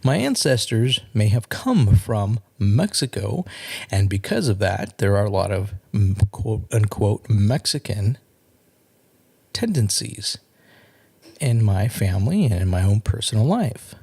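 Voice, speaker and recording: Podcast host, male, gravelly voice that rises and falls widely, earnest solo monologue. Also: on the low side, animated, a little mellow. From California. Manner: earnest, measured, with repeated restarts.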